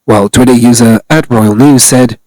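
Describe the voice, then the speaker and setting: A man's voice: medium pitch, moderate pace, a little mellow, no room sound, poor audio. A man narrating a scripted celebrity news commentary, reading steadily from articles.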